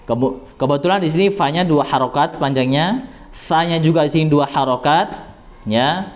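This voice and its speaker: A man teaching Quran recitation rules, patiently repeating sounds, reassuring his students, and slowly chanting the verses. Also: a little high. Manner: slow drawn-out chanting when reciting verses. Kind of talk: tajwid lesson with recited verses.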